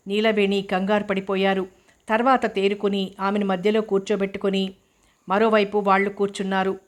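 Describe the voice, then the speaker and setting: A woman reads a novel aloud as an audiobook narrator. Her delivery is measured and even, with little rise and fall in pitch, at a middle pitch.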